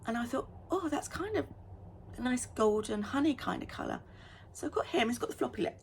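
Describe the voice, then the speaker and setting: A chatty woman vlogger with a slightly high voice, talking quickly and getting excited over small things. Her speech runs on in an easy, casual way. There is a faint hiss of noise behind her. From United Kingdom. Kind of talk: casual vlog chat.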